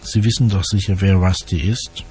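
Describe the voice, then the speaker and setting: A man's voice: sits low, fairly even intonation, dark tone, slight background noise, natural voice. A man voicing a haughty, spoiled wealthy young woman who sneers and snaps, read as part of a dramatized audiobook. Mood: languid. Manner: languid, sneering, quick to snap.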